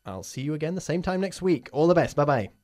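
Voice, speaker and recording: A man teaching English, quizzing a student with quick prompts and correcting pronunciation with encouragement. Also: a little high, very animated, a little mellow, no room sound, studio quality. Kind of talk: bilingual quiz drill, quick prompts.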